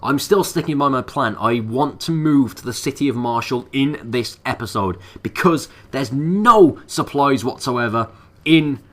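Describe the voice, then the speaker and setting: A young man commentating a video game, excitable and swearing freely as he talks to his viewers. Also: medium pitch, a little slow. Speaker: gaming commentator. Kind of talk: let's play commentary.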